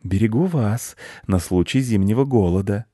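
A man's voice: lowish voice, moderate pace, mellow, dry recording, studio quality, pitched above the performer's own voice, lightly acted. A man doing a sly, insinuating fox. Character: cunning, insinuating male fox. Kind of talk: audiobook character voice.

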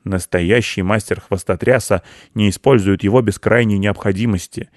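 A man's voice: fairly low pitch, steady tone, normal speed, no echo, studio quality, close to an everyday voice. A man voicing a timid, boastful male hare with a lisp in an audiobook. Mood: stubborn. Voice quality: lisping. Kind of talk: audiobook character voice.

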